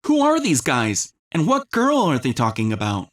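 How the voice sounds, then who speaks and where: A man's voice: medium pitch, wildly swooping pitch, moderate pace, fairly bright tone, no room sound, studio quality. A man voicing a young male agent who is puzzled and questioning. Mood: baffled. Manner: confused, questioning.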